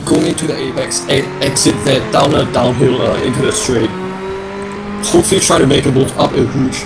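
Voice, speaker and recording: A man co-commentating a sim race with quick, loose play-by-play, his voice coming through a glitchy, half-robotic microphone. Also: medium pitch, creaky, heavy background noise. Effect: glitchy half-robotic microphone distortion. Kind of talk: live sim racing commentary. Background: loud music.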